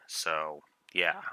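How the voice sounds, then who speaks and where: A man streaming a game, giving casual, rambling commentary with lots of restarts and animated asides. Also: rumbling low, clear, resonant tone. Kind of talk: casual let's-play commentary.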